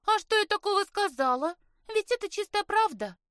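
A woman's voice: sits high, expressive, moderate pace, no echo, clean studio sound, pitched above the performer's own voice. A woman voicing a teasing, playful young mermaid sister in an audiobook, lilting and needling. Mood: cheeky. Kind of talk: audiobook character voice.

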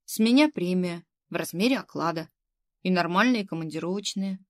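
Using a natural voice with a fairly low pitch, a woman plays a middle-aged female kindergarten head. The character is fussy and coaxing, bossy and quick to scold.

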